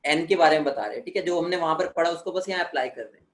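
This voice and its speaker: A man with a high voice gives a chemistry lesson in an echoey room. He keeps checking in with "theek hai" and answers his own questions as he walks the class through the material. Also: rapid-fire, a little hiss or hum. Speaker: chemistry teacher. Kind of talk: classroom lecture.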